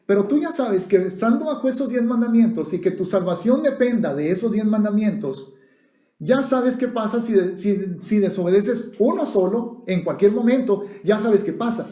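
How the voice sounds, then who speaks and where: A man's voice: sits high, animated, normal speed, dark tone. A man preaching a sermon, chatting with the congregation and asking them questions. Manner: conversational, asks the audience questions. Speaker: pastor. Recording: roomy echo of a hall.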